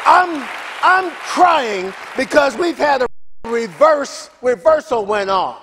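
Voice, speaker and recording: Husky male pastor preaching hard, voice way up high, long church echo, congregation faint in the back. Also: big pitch swings, slow, a faint crowd, slight background noise. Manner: impassioned preaching, rising to shouted calls. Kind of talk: sermon. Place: large church sanctuary with congregation.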